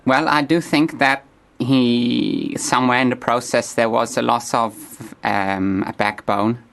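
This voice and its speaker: Male comedy guest, deadpan, hesitant delivery, mid-range voice. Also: medium pitch, measured pace, vocal fry. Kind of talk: deadpan character comedy interview.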